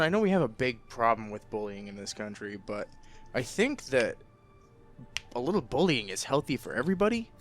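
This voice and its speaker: A young man talking casually on a home podcast mic, his voice sitting at an ordinary middle pitch. He tells long, profane, rambling stories, and faint music plays beneath him. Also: a bit bright. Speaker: podcast co-host. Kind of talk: casual chat.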